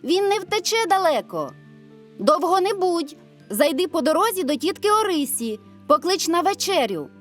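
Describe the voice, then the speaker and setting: A woman's voice: very high voice, big pitch swings, moderate pace, soft background music, pitched above the performer's own voice. A woman voicing a caring mother calling to her son in a storybook tale. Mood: calling urging. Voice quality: calling out, warmly bossy.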